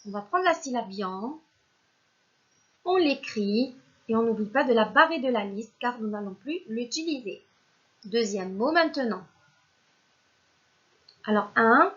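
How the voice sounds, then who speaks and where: A primary school teacher records a reading lesson for young children, sounding out syllables one by one and praising the pupils as if they were there with her. Her voice is a little high and animated, unhurried with long pauses, and the audio is dull.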